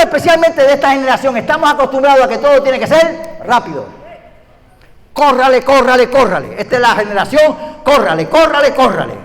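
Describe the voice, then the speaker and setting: A man preaching a sermon, acting out little dialogues and swinging between shouts and hushed asides. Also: high-pitched. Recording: hall reverb, faint background noise.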